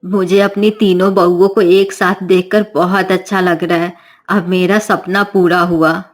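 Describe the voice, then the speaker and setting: A strict middle-aged mother-in-law from a cartoon story, scolding and commanding, played by a woman who drops her voice low. Her lines come in firm, lecturing runs. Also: flat delivery, a little slow, natural voice. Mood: pleased.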